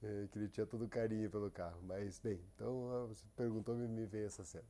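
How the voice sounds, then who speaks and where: A man from who runs a company, speaking as a podcast guest in a relaxed, halting way with many restarts. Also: fairly low pitch. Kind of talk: casual interview.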